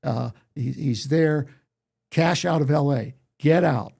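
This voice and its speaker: Taking it slowly, a man in his 80s tells his life stories as a guest in a conversational interview, quoting old exchanges from memory. A songwriter and storyteller, he speaks in a creaky, darkish voice on the high side.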